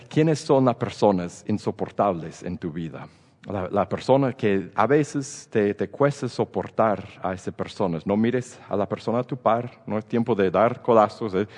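A man's voice: on the low side, a little mellow. A man preaching a sermon, often repeating and restarting words as he works through his points, sometimes acting out outbursts. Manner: halting and repetitive, restarting words, rising to acted outbursts. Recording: long hall reverb.

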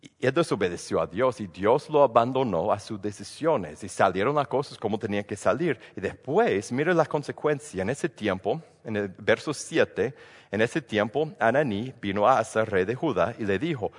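A man's voice: fairly low pitch, expressive, normal speed, husky. A man preaching a sermon in a conversational way, with speech, full of restarts and rhetorical questions. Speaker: pastor. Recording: long hall reverb.

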